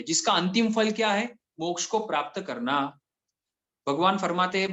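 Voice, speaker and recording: A man giving a Jain scripture discourse, explaining terms slowly and repeating key words. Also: sits high, fairly bright tone.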